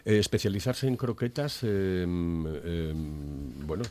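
Low-voiced man hosting a radio chat. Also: fairly even intonation, slow pace, darkish tone, slight background noise. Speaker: radio host.

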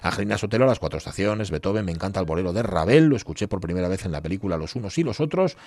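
A man's voice: sits low, expressive, very fast, a little mellow. A man with an Asturian accent hosting a radio show, reading listener messages in a chatty, joking way. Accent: Asturian Spanish. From Asturias, Spain. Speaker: radio host. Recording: radio studio with music bed.

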